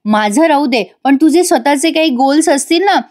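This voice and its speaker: A woman's voice: sits high, animated, moderate pace, a little mellow, voice pushed up. A woman doing a spoiled, wheedling young wife. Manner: wheedling, pleading.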